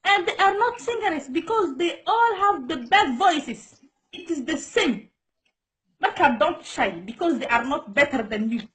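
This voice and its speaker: A woman's voice: high voice, expressive, measured pace, fairly bright tone. A Djiboutian woman whose first language is Somali, hosting a casual live-stream chat in broken English, repeating herself and coaxing her guest.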